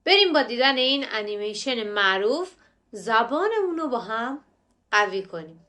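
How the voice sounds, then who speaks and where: A woman language teacher explaining words slowly and patiently, repeating phrases and drilling their pronunciation. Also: fairly high pitch, very animated, bright, forceful tone. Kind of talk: explanatory lesson narration.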